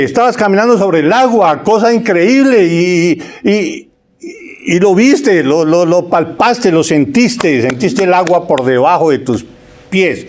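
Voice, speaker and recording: A man's voice: high-pitched, a little mellow. A man preaching a sermon, reading scripture aloud and often checking in with "¿sí?". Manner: conversational preaching with frequent "¿sí?" checks and word repetitions; reads scripture aloud, stretching key phrases slowly.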